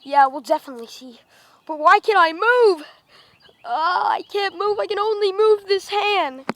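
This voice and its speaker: Woman voicing a shrill, indignant toy bear. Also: moderate pace, fairly bright tone, no room sound. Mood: worried. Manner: complaining, repetitive.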